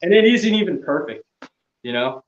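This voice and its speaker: A man's voice: high voice, expressive, normal speed, lo-fi sound. Laid-back man in a roomy space. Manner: laid-back, trailing off, swears casually, laughs often. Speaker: podcast guest, gear maker. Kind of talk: casual chat.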